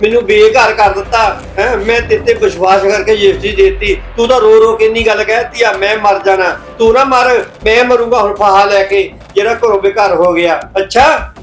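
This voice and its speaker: A man's voice: sits high, steady tone, fairly quick, echoey room, natural voice. An actor playing a man who has lost his house, lamenting and accusing. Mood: despairing. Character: ruined man wailing over lost home. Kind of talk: Punjabi web-drama acting.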